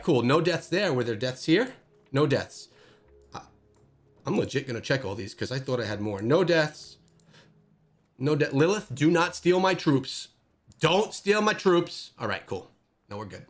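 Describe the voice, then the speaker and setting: A man hosting a gaming channel, talking through gameplay with animated exclamations. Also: mid-range voice. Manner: animated and exclamatory, thinking aloud. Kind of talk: gameplay commentary.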